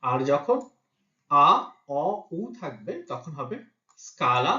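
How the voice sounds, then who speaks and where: A man's voice: fairly high pitch, very animated, slow pace, pushed and bright, echoey room, lo-fi sound. A man teaching a language lesson, patiently spelling out letters and example words one at a time. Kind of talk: teaching Italian pronunciation in Bengali.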